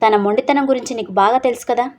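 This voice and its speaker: This is a practical, caring young man in a read-aloud story, voiced by a woman narrator. He urges his brother on in a plain, matter-of-fact way. The voice is a touch higher than average. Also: fast, darkish tone, lightly acted. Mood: urging.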